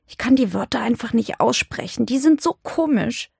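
Lady reading as a timid little schoolgirl, high and wide-eyed, a bit gravelly and husky, dry close mic. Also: animated, normal speed, a little mellow, no echo, full character voice. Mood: pleading. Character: awed, timid young schoolgirl. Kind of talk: storybook audiobook reading.

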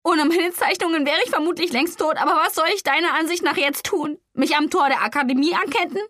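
A woman voicing a young female artist who is anxious, tearful and despairing, her voice high and breaking. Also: normal speed, a bit bright, no room sound, studio quality.

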